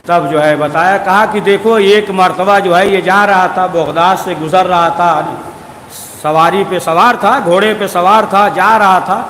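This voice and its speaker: A man with a high voice preaches at a religious gathering, spinning a story and leaning on habitual filler phrases and tags. His voice rings through a big reverberant hall, with a faint murmur of noise beneath. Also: steady tone, a bit bright. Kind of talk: Urdu sermon storytelling.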